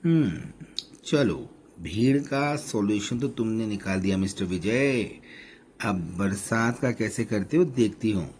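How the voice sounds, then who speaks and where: A man voicing a sharp-tongued middle-aged wife who teases and scolds her husband. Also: fairly low pitch, lively intonation, measured pace, a little hiss or hum. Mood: teasing. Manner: scolding, bossy.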